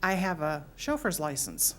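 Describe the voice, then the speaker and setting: Speaking from the audience in a library meeting room, a middle-aged woman offers a personal reflection on her memories with sincere emotion, keeping her voice low and level. She talks at a moderate speed over faint background noise.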